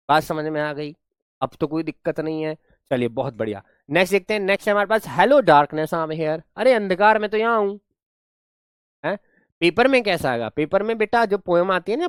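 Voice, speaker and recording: A man teaching an online class. He is lively, acts out examples in funny voices and keeps checking in with his students. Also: fairly high pitch, no room sound, clean studio sound. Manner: coaxing, checks in with students often.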